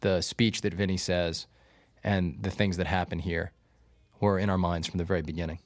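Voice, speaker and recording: A man's voice: low voice, flat delivery, normal speed, no room sound. A man giving casual, anecdotal film commentary as a filmmaker, close on the microphone. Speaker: filmmaker and screenwriter.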